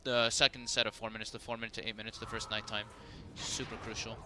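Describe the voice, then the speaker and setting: A man breaking down a live esports match at a rapid clip, with a very bright, sharp voice. He fills his analysis with casual fillers as he explains. A faint hiss sits under the voice. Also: lowish voice, little pitch movement. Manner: fast, analytical, many fillers like "like" and "you know". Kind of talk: live esports color commentary.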